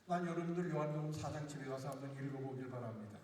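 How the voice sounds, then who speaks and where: Animated pastor in an echoey hall. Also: male voice, mid-range voice, racing, slight background noise. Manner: lively, questions the audience, acts out dialogue. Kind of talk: sermon to students. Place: school chapel or auditorium. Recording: echoey hall, distant mic.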